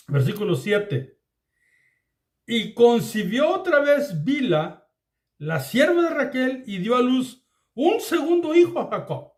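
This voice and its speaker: Slow high-voiced preacher in echoey room. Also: male voice, a little mellow. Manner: earnest, addresses listeners as beloved. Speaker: Bible teacher. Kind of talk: Bible study sermon.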